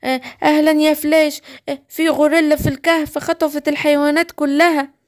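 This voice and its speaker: A woman's voice: high-pitched, little pitch movement, fast talker, natural voice. A woman with an Egyptian accent voicing a timid, worried young lion cub. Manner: anxious, calling out.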